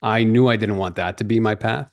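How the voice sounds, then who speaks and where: A man with a very low voice gives a podcast interview, laying out his background in a measured, explanatory way. His voice sounds dry and close to the mic, with no room around it. He is in his forties and grew up in Peru. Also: fairly even intonation, no echo. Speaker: guest.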